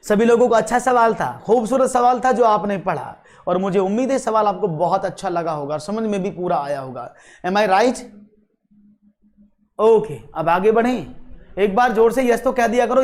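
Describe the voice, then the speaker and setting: एक पुरुष गणित शिक्षक ऑनलाइन परीक्षा-तैयारी कक्षा पढ़ाते हुए, जोश से और मनाते हुए बोलता है, हिंदी में अंग्रेज़ी शब्द मिलाता है।. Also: male voice, sits high. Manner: lively, coaxing, mixes English terms into Hindi. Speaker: maths teacher. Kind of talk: online exam-prep class.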